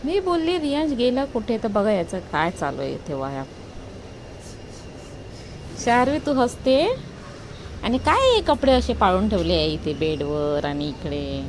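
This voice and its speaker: Indoors at home, a woman films a casual vlog, narrating and coaxing her children with motherly questions. Her medium-pitched voice is sing-song and measured, with frequent pauses, and the phone recording is noisy.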